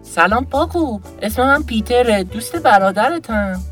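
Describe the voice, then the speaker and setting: A man's voice: very high voice, lively intonation, fairly bright tone, soft background music, pitched above the performer's own voice. A man voicing a frank, caring boy in a storybook reading, with a raised boyish put-on voice. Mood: earnest. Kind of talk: storybook voice acting.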